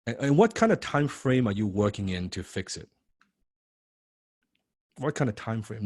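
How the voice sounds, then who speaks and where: Animated male sales coach, dry sound. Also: on the low side, dry recording. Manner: animated, acts out prospect replies, rhetorical questions. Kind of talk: sales training lecture.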